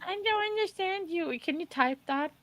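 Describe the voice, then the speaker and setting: A woman's voice: very high-pitched, lively intonation, normal speed, crowd noise. A woman hosting a casual livestream chat in a jokey, scattered way. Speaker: livestream host.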